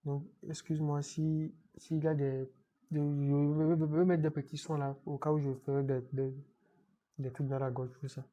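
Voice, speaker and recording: A man presenting an IT tutorial walks through a computer setup in an unscripted screencast, sounding like he has a cold and clearing his throat. His fairly high, mellow voice barely shifts in pitch. He's halting, stumbling over and repeating words, restarting, and often pausing to check in with the viewer.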